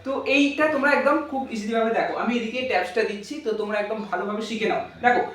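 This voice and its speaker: A guitar teacher gives a casual spoken lesson in a racing, medium-pitched voice, chatty and repetitive, checking in with viewers by asking "clear?" He hums and sings chord parts instead of words. The echoey room, distant mic, and loud guitar and amp dominate the sound.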